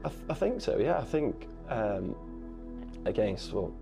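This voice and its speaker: A man talking as a footballer in an interview, quick and hesitant, with many fillers and restarts. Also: lowish voice, sing-song, gravelly, music in the background. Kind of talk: post-match interview.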